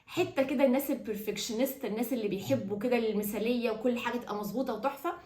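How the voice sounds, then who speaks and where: A woman with an Egyptian accent giving a casual motivational talk, animated and conversational with quick asides. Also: a little high. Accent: Egyptian Arabic. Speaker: self-development speaker. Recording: roomy echo.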